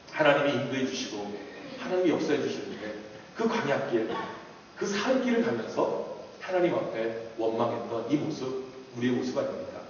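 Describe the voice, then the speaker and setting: A man's voice: medium pitch, slight background noise. A man preaching a sermon in Korean as a pastor, telling stories and acting out quoted dialogue in changing voices. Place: church sanctuary. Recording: distant, dull, echoey church hall.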